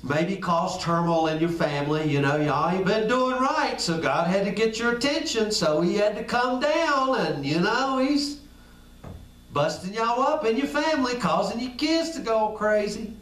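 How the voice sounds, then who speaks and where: A man preaches in a folksy, conversational way, his voice sitting high for a man. He sounds echoey and a little distant from the mic, as if recorded in a big room. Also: animated, normal speed, fairly bright tone. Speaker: pastor. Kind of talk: sermon.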